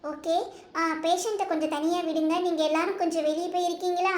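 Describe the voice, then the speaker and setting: A performer voicing a stern hospital nurse in a doll show, speaking quietly, briskly and firmly. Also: very high-pitched, fairly even intonation, reverberant. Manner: brisk, hushed and firm.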